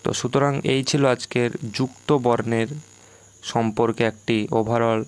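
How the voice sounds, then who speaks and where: A man teaching a video lesson on pronunciation, explaining slowly and repeating words aloud to model their sounds. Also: medium pitch, flat delivery, clean tone.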